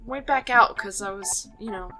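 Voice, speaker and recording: A woman hosting a let's play, giving playful, chatty gameplay commentary that drops to low mutters while she puzzles things out. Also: moderate pace. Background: game music.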